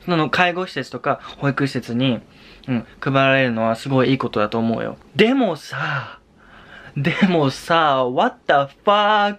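A young man from Japan talks straight to his viewers in a casual vlog. His voice sits in a middle pitch, and he keeps circling back to the same point in an exasperated tone. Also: a bit bright. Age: young adult. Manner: exasperated, repetitive, switching into English swearing. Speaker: vlogger and Japanese tutor.

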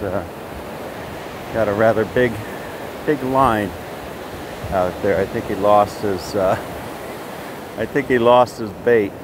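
An older American man giving a casual walk-and-talk commentary on a beach, rambling and upbeat, filming on a phone at arm's length. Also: lowish voice. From United States. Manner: rambling, upbeat, with many restarts. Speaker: vlogger giving a walking tour. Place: outdoors on an open beach at sunrise. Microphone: phone held at arm's length while walking. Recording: loud surf and wind noise outdoors.

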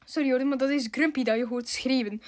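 A woman's voice: sits high, steady tone, a little fast, very noisy. A woman doing chatty, giggly commentary as she plays a video game, mixing in English slang. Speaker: gaming YouTuber.

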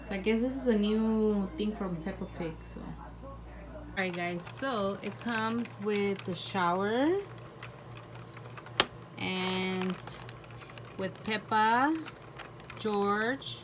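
In her bedroom, a young mother with a mid-range voice slowly walks viewers through a new toy in a casual unboxing. She's chatty, covers each piece and plays along with her daughter. The clip is a noisy phone recording from home.

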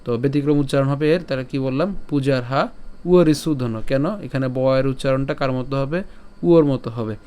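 Male recitation teacher, mid-pitched, clear, resonant, talks through each syllable, then chants the verse slowly. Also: mellow. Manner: slow, drawn-out chanting of verse syllables between explanations; asks and answers his own questions. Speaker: teacher of scripture pronunciation. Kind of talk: step-by-step recitation lesson.

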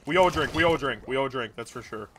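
Tipsy young man with bright voice. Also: medium pitch, racing, a little hiss or hum. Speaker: gaming video creator. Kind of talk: casual gameplay commentary to viewers. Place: small indoor room at a gaming setup.

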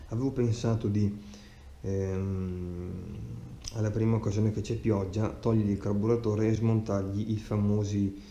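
Late at night in a cluttered indoor garage, a man films a casual unboxing vlog about his motorcycle hands-free, wandering through his thoughts with plenty of fillers, hesitations and restarts. His fairly low, mellow voice moves little in pitch and keeps a measured pace, and the dull, roomy garage recording carries a faint hiss.

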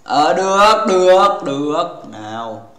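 A man with a fairly high voice chats casually on a gaming livestream, joking and teasing his viewers as he talks. He rambles and keeps restarting his sentences. His voice bounces around an echoey room. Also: very animated, slow pace, a bit bright. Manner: playful and teasing, joking with chat.

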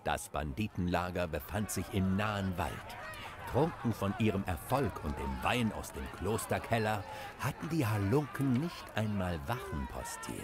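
An actor playing a grave storyteller, narrating a fantasy video game like a storybook. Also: male voice, low-pitched, very animated, normal speed, noisy background. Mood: grave, dramatic. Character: grave male storyteller of a war tale.

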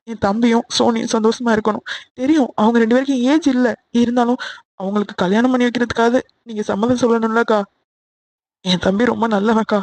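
A voice actor performs a bold younger aunt in an animated family drama. She talks quickly, pleading and reassuring by turns, in a mid-pitched voice. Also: natural voice. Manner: coaxing and pleading. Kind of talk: Tamil cartoon voice acting.

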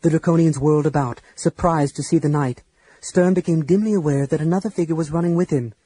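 A man narrating a fantasy audiobook, shifting between shouted lines and hushed whispers for the characters. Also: on the high side, fast talker, breathy edge, rough recording. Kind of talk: dramatic audiobook reading.

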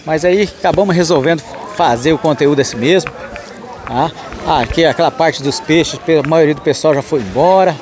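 A man's voice: fairly high pitch, normal speed, crowd noise. A man from Mato Grosso do Sul filming a walking tour of an outdoor street market, greeting vendors and thanking his followers. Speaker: market vlogger.

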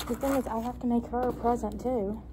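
Chatty young woman, loud background noise. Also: on the high side, level tone, a little fast. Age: young adult. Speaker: student vlogger. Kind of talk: casual chat. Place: large indoor campus room. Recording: noisy room ambience, camera mic.

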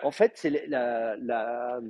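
A man's voice: mid-range voice, slow, a little mellow, dry recording. A man giving a live university classroom lecture, explaining with hesitant, stop-start delivery and frequent restarts. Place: classroom with in-person and remote students.

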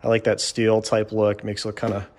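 A man casually narrating his own home renovation, relaxed and rambling with frequent ums. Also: lowish voice, fairly quick. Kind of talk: casual narration over DIY footage. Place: garage under renovation.

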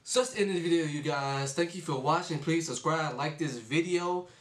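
A man's voice: fairly high pitch, brisk, reverberant. A man hosting a casual reaction video, talking in a laid-back way with chuckling asides. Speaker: channel host reacting to a video.

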